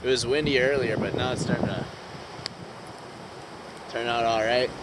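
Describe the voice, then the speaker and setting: Noisy outdoor ambience surrounds a man. His pitch is ordinary to slightly low, and he talks casually to viewers. His delivery is laid-back and unhurried, like a solo camping vlog. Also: steady tone. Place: outdoors at a campground at night. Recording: outdoor wind and ambient noise.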